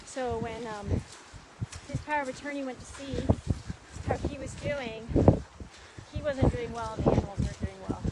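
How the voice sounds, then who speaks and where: A woman chatting casually as she guides a walking tour outdoors, telling stories in an animated way and acting out reactions. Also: a little high, moderate pace, pauses often. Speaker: sanctuary founder and tour guide. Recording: noisy outdoor recording, clicks and footsteps.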